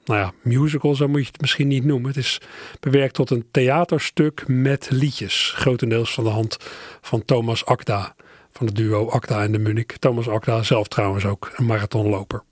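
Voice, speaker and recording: A man's voice: mid-range voice, fairly even intonation, normal speed, dry recording, studio quality. A man presenting a radio program, introducing recorded fragments in a conversational way with little asides.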